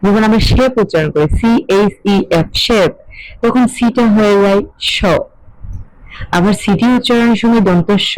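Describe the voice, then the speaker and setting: A middle-aged woman, explaining an English lesson in a measured, questioning way. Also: medium pitch, darkish tone, dry recording, poor audio. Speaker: English teacher.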